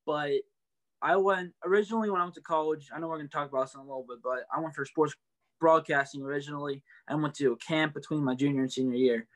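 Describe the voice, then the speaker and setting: A man's voice: on the high side, fairly even intonation, fast talker. A young man, a college student, chatting as an interview guest, filling his talk with "like". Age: young adult. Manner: chatty, filler-heavy with "like". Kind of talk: casual interview chat.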